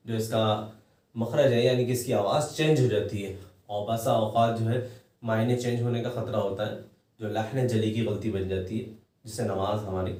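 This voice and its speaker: A man's voice: mid-range voice, recorded from a distance. A man teaching children to read the Quran, patiently explaining each letter and drawing it out in a chant. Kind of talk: recorded lesson for children. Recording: echoey room, voice from off-mic.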